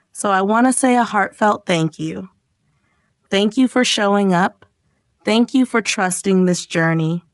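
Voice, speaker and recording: A woman narrates an English speaking lesson in a measured, encouraging way. Her voice sits at an ordinary pitch for a woman. It is recorded close and dry, like a studio voice-over. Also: no room sound. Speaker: English teacher. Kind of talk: scripted motivational narration.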